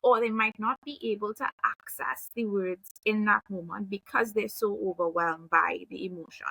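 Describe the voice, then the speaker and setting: A woman, a behavioral analyst and mother, calmly explaining with examples from her own home. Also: mid-range voice, gravelly, breathy edge, no echo, rough recording. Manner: calm, measured, explains with examples. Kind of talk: explanatory conversation.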